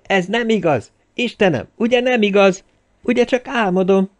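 Férfi által felolvasott kétségbeesett, kiabáló férfi. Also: male voice, high-pitched, pitched above the performer's own voice, natural voice. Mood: agitated. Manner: shouting, desperate outbursts. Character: panicky, quick-tempered man lost in the wild.

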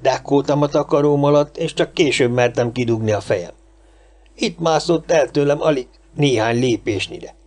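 A man's voice: mid-range voice, darkish tone, natural voice. A man voicing a chatty, boastful homeless man in an audiobook, rambling and gossipy. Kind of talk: audiobook character reading.

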